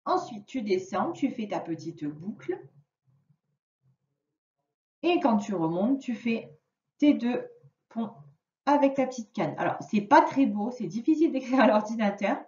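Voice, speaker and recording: Primary teacher, woman, fairly high voice, patient and careful, taped in an echoey room. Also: very animated, darkish tone. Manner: slow, patient, clearly articulated instructions. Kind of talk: remote reading lesson for a young child. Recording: roomy, distant, dull lo-fi sound.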